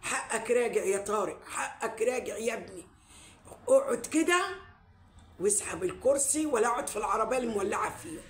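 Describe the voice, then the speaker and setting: A woman's voice: on the high side, fast talker. A woman with an Egyptian Arabic accent delivering an angry, repetitive ranting monologue full of curses and invocations. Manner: repetitive, cursing, shouting. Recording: echoey room with faint background noise.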